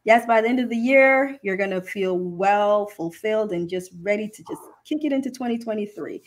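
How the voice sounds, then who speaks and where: A woman's voice: mid-range voice, normal speed. A woman hosting a livestream conversation, upbeat and affirming, with frequent tag questions. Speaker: host.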